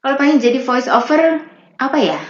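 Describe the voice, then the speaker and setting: Lively woman in a roomy, dull recording. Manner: lively, explains with quick rises in pitch. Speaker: voice-over artist. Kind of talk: casual interview chat.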